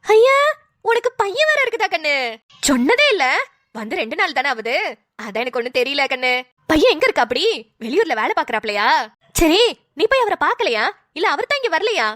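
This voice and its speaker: Cartoon role: a woman playing a motherly old village hotel keeper, high and sing-song, dry close sound. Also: big pitch swings, a little fast, fairly bright tone, no echo. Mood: fussing, concerned. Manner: fussing, motherly, calls others dear. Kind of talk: cartoon voice acting.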